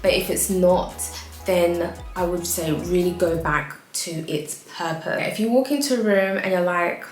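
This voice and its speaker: A woman's voice: on the low side, a little slow, roomy sound, soft background music. A woman with an African accent giving frank, chatty home decor advice in a casual vlog, laughing often.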